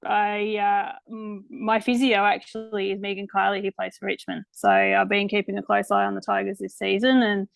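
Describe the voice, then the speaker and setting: A woman's voice: mid-range voice, normal speed, vocal fry, hardly any pauses, poor audio. A middle-aged woman in casual sports chat as a podcast co-host. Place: room at home, on a video call.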